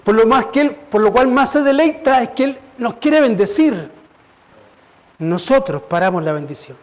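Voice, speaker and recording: Man, pastor, high voice, sermon, conversational, rhetorical questions. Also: animated, normal speed. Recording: church service.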